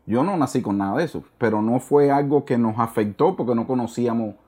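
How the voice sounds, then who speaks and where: A middle-aged man with a Cuban Spanish accent speaks as a guest in a relaxed interview. His voice sits at an ordinary pitch, and he talks sincerely, circling back over his words as he searches for the right one. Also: fairly quick, breathy edge. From Cuba. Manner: earnest, searches for words, repeats himself. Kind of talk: casual conversational interview.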